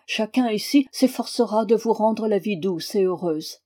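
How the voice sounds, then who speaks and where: A woman reading aloud as a kindly older father, speaking softly and paternally. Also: mid-range voice, normal speed, close to an everyday voice. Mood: gentle.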